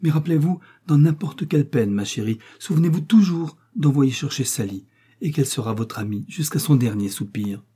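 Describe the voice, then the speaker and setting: Male reader doing anxious older innkeeper's wife, pleading, mellow and husky. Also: mid-range voice, expressive, moderate pace, voice pushed up. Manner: fretful, pleading. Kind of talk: audiobook character reading.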